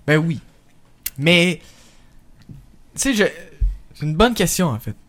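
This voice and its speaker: A man's voice: fairly high pitch, sing-song, slow, fairly bright tone. A man with a Québécois accent co-hosting a comedy podcast, rambling casually with many restarts and asides. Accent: Québécois French. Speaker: podcast co-host.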